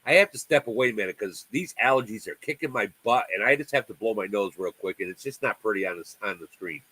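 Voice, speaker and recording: A man's voice: fairly low pitch, expressive, quick pace, pushed and bright, husky, poor audio. Sixty-something man rambling on a livestream. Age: 60s. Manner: rambling, friendly, many restarts. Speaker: livestream host. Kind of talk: casual livestream chat.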